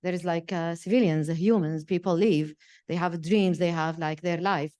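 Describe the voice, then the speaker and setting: A woman from Syria, speaking at a panel talk, halting with many fillers. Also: fairly low pitch, fairly even intonation, warm tone. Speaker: project participant. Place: gallery event room.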